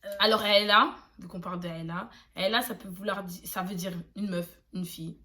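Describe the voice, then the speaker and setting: A woman's voice: medium pitch, steady tone, a little fast, pushed and bright. A young woman from Belgium speaks in a casual vlog. Her delivery is loose and slangy, full of asides to her viewers. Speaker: YouTuber.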